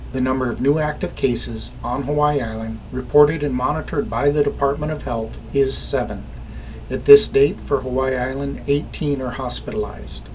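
A man reads a scripted public information bulletin as a civil defense announcer, in a formal, measured official manner. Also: medium pitch, darkish tone. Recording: clearly noisy background.

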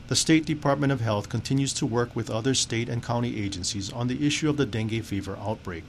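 A man reading a scripted public information announcement as a civil defense announcer, in a formal, measured way. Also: mid-range voice. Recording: clearly noisy background.

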